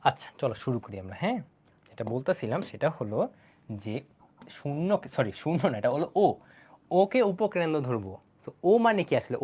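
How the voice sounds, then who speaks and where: A man's voice: on the high side, darkish tone. A young man teaching math in an online lecture, chatty and asking his students questions as he goes. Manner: chatty, talks straight to students, asks them questions. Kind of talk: online exam-prep lecture.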